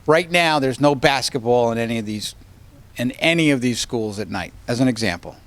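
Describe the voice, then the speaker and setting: A man's voice: mid-range voice, lively intonation, moderate pace, a bit bright. A man in the role of an energy consultant, explaining to a school board in a conversational way, working through examples and often checking in with "okay?". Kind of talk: explaining at a public board meeting. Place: school board meeting room.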